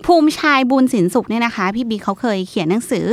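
A woman's voice: fairly high pitch, expressive, fast, no echo. A Thai woman hosting a podcast, talking in a bubbly, chatty way with polite particles. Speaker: podcast host. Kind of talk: scripted podcast intro.

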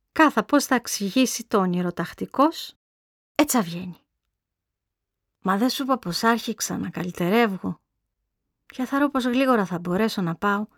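A woman voicing a frail young woman dying of consumption, speaking softly in a faint, slightly hoarse voice. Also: mid-range voice, dry recording, studio quality. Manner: soft, weary, resigned.

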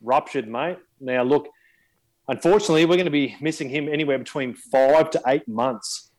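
A man's voice: on the high side, moderate pace, a little mellow. A man with an Australian accent giving team news in a laconic, matey, slangy way on a casual rugby league show. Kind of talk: casual sports chat.

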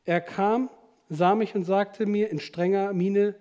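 A man's voice: high-pitched, fairly even intonation, unhurried, darkish tone. A man preaching a fervent sermon, addressing his congregation directly.

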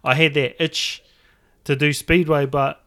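A man's voice: a little high, flat delivery, measured pace, fairly bright tone. A man from New Zealand with a Māori English accent hosts a casual podcast, speaking in loose, hesitant phrases. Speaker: podcast host.

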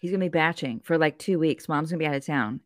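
A woman co-hosting a podcast, telling stories in a playful, animated casual chat. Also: low-pitched, fast talker, dry recording, studio quality. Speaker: podcast co-host.

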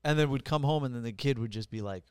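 This middle-aged man from Puerto Rico works as a mortgage lender and guests on a casual podcast interview in an office studio. He's blunt, profane and full of energy in his storytelling. His mid-range voice is quick and smooth, captured in clean studio sound with no echo.

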